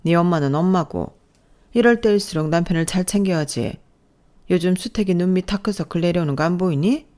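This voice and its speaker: A woman's voice: lowish voice, fairly quick, darkish tone, lightly acted. A woman reading a scolding, snobbish mother-in-law. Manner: scolding, belittling. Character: scheming middle-aged mother-in-law, sharp and snobbish. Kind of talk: scripted story narration.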